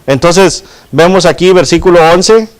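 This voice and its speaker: A man's voice: high voice, measured pace, poor audio. A man preaching a sermon and reading from the Bible, asking his listeners rhetorical questions and calling them brothers. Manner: peppers speech with rhetorical questions and "verdad".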